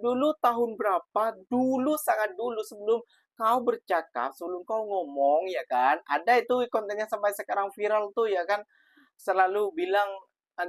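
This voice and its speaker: A woman's voice: medium pitch, no room sound. A woman hosting a reaction video, commenting in a chatty, exclamatory way.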